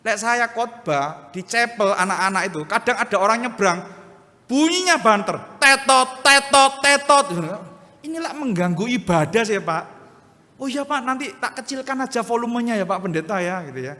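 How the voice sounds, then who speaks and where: Bright, lively East Javanese pastor preaching. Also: male voice, high-pitched, brisk, big-room sound. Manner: animated, acts out other voices in anecdotes. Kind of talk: sermon with storytelling. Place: church hall.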